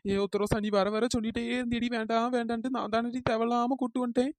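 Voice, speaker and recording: A woman doing a bold, fast-talking cartoon village girl. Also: fairly high pitch, level tone, a little mellow, no room sound, lightly acted. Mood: remorseful. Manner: brisk, defiant, scolding village talk. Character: bold young village woman, loyal to her friends. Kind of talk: cartoon story dialogue.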